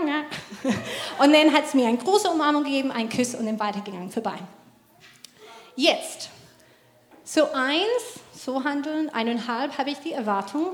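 High-voiced woman telling a lively story. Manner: lively storytelling with frequent laughs; slightly broken German grammar. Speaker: mother telling a parenting story. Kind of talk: casual faith talk. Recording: roomy echo.

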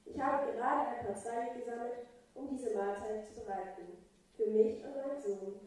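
A woman's voice: fairly high pitch, moderate pace, a little mellow, recorded from a distance, natural voice. A woman reading aloud the lines of a poor, desperate widow, in an echoey hall. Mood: earnest. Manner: read aloud plainly.

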